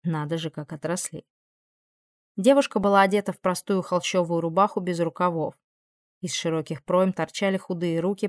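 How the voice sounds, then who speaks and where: A woman narrating an audiobook in an even, measured storytelling voice. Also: on the low side, no room sound, clean studio sound.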